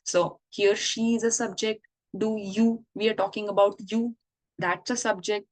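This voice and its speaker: A woman's voice: mid-range voice, steady tone, measured pace, no echo. A woman giving an online English grammar lesson, explaining patiently and checking in with the listener. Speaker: English teacher.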